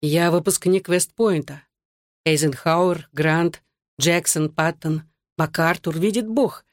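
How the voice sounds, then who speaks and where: Reader's take on a defiant young graduate, argumentative, loud, plain dry sound. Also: medium pitch, takes it slowly, no echo, lightly acted. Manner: argumentative, raised voice. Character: young man, defiant military academy graduate. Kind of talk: audiobook reading.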